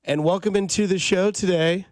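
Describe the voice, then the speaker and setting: A man's voice: high voice, moderate pace, no room sound, clean studio sound. A man hosting sports radio with casual banter.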